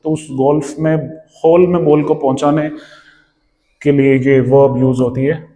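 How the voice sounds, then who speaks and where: A man's voice: a little high, fairly even intonation, dark tone. Indian man teaching pronunciation, echoing. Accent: Indian English. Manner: repeats each word slowly several times; mixes Hindi and English. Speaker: English teacher. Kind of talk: pronunciation lesson.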